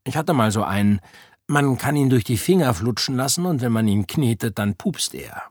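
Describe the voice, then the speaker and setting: A man's voice: mid-range voice, animated, normal speed, darkish tone, no room sound, studio quality, lightly acted. A man doing an eager, explaining boy.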